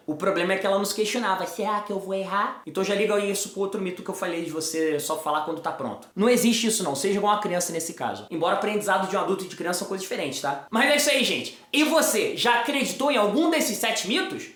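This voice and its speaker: A Brazilian man gives a lively video lesson at a rapid clip. His voice sits fairly high and he talks in a direct, teasing way with casual slang. The sound bounces around an echoey room. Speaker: English teacher. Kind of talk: informal video lesson to camera.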